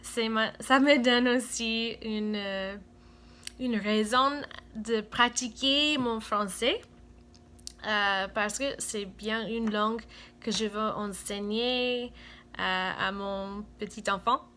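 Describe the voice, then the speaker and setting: A woman with a Cameroonian-American accent speaks slowly in a fairly high voice, stopping often to hunt for words. She addresses her viewers in a friendly, self-deprecating tone. A faint hum sits behind her. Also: pushed and bright. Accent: Cameroonian-American French. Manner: hesitant, searching for words, many fillers. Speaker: vlogger. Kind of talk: casual chat to viewers. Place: home.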